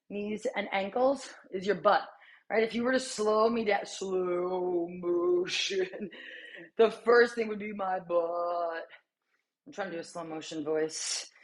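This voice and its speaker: A woman in her thirties leads a strength workout as she does it herself. She talks in quick, chatty cues, sighs and breathes hard between reps, and her voice sits at a middling pitch. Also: fairly bright tone. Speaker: fitness coach. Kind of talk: workout coaching while exercising.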